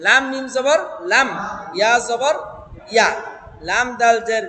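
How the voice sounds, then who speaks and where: A man teaching Quran reading, chanting verses slowly and then explaining them letter by letter while quizzing students and having them repeat. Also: very high voice, bright, forceful tone. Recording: echoey hall with long reverb.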